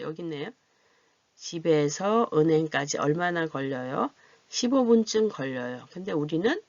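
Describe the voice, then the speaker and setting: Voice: medium pitch, dry recording. A language teacher giving a beginner grammar lecture, patiently repeating each question and model answer. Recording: dull lo-fi recording.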